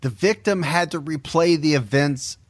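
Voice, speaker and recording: A man co-hosting a podcast, reading a scripted true-crime narration in a measured, grave storytelling manner. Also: on the high side. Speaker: podcast co-host.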